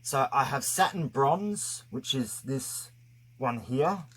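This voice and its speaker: A man's voice: medium pitch, lively intonation, slow pace, fairly bright tone. A man narrating a casual hands-on craft tutorial, his voice muffled by a face mask over his mouth, explaining things step by step. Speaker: craft video host.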